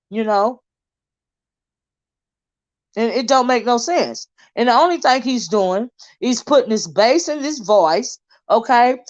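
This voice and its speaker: Speaking at medium pitch, this commentary channel host delivers a live-stream monologue, bluntly and emphatically hammering her points again and again with lots of filler words. Her stream audio sounds dull and lo-fi.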